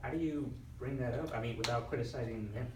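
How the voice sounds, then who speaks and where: Hesitant student, distant and roomy. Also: male voice, mid-range voice. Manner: hesitant, halting. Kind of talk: asking a question in class. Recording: far from the mic, roomy, noisy.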